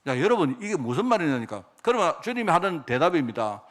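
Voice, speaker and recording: A man's voice: a little high, very animated, quick pace. Emotional male pastor. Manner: emotional, conversational, asks the congregation for agreement. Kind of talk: sermon.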